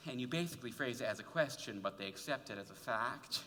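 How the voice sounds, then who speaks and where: A man's voice: medium pitch, lively intonation, fast talker, noisy background, lightly acted. A man playing a wistful narrator who muses and confides to the audience, in a stage musical. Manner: chatty, musing, confiding to the audience. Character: wistful man narrating a favorite cast album. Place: school auditorium stage. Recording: roomy hall taped from far off.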